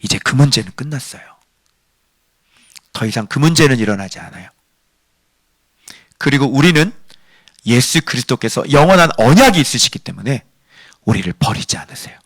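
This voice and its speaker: Male pastor, sermon, very lively pitch, dry close sound, hushed-to-loud swings, rhetorical questions. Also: normal speed, long pauses, breathy edge, dry recording. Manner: swings between hushed near-whispers and loud emphatic preaching; asks the congregation rhetorical questions.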